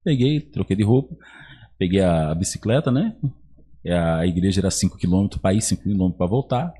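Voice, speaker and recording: Husky, lively man telling his testimony. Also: deep voice, fairly quick. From Iguape, Brazil. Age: 30s. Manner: animated storyteller acting out quoted dialogue. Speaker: podcast guest. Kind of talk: personal faith testimony.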